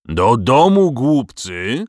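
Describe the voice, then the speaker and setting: A man's voice: mid-range voice, sing-song, extremely slow, a little mellow, dry recording, studio quality, pitched above the performer's own voice, heavily acted. A man voicing a menacing dragon that roars threats in a storybook reading. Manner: roaring, threatening. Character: menacing roaring male dragon.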